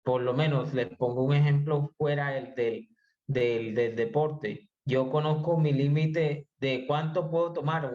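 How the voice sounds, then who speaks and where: Measured man, muffled audio. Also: a little high, dark tone. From Colombia. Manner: measured, explanatory, with frequent hesitations. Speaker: interview guest. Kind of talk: conversational podcast interview.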